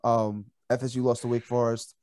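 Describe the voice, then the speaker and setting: A man's voice: mid-range voice, flat delivery, normal speed, darkish tone, no room sound, clean studio sound. A man co-hosting a casual college football betting podcast, rowdy and laughing a lot as he makes picks. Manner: rowdy, laughing, chanting fight songs. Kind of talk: casual sports betting chat.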